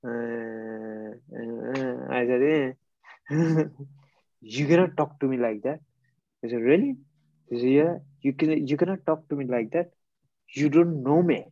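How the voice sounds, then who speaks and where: A blunt man tells a casual story, laughing as he acts out both sides of an argument. His voice is medium-pitched and mellow at a measured pace, captured in a dull, lo-fi close recording with no echo.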